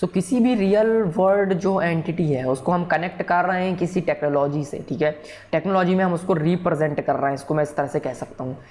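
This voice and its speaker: A man's voice: fairly high pitch, a little fast, darkish tone, a little hiss or hum. Male coding instructor, patient and repetitive, keeps checking the class follows. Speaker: programming instructor. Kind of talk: recorded coding tutorial lecture.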